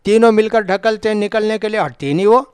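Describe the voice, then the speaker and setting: A man's voice: sits high, darkish tone, clear, resonant tone, no room sound. A man with a South Indian Urdu accent giving a religious lecture as a scholar, telling stories and acting out the dialogue, with emphatic repeats. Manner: storytelling preacher, acts out dialogue, repeats for emphasis. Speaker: Islamic scholar.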